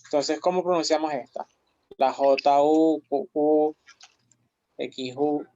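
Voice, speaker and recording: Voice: medium pitch, fairly even intonation, slow, dark tone, no room sound. A language teacher running a pronunciation drill, patiently repeating each syllable several times. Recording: muffled lo-fi audio.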